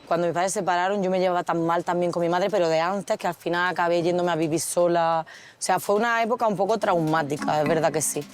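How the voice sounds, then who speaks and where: A woman in relaxed casual chat, chatty and quick to laugh. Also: fairly low pitch. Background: background music.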